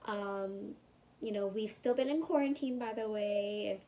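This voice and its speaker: A woman's voice: mid-range voice, unhurried, mellow, slight background noise, poor audio. A young woman chatting casually through a personal vlog update on her recovery, rambling with plenty of fillers and sometimes sounding congested. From California. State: congested and recovering after surgery, sometimes whispering. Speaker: vlogger.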